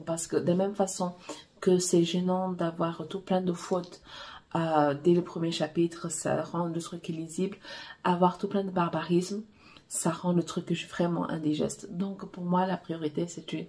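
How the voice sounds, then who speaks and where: Speaking in a low, dark-toned voice, a native Portuguese speaker who writes romance gives other writers blunt, straightforward tips. Her delivery is relaxed and punctuated by frequent hesitations.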